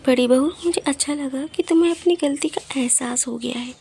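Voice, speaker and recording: A woman's voice: high voice, a little fast, vocal fry, mellow, slight background noise. A woman voicing a stern, scolding mother-in-law in a cartoon story. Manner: bossy, scolding.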